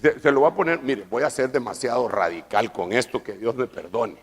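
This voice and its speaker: A man preaching a sermon at a church convention, arguing with rhetorical questions and repetition, and building up to drawn-out shouts. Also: mid-range voice, husky. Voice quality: rises to loud, drawn-out shouting for emphasis. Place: large church convention hall. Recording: long reverb of a large hall.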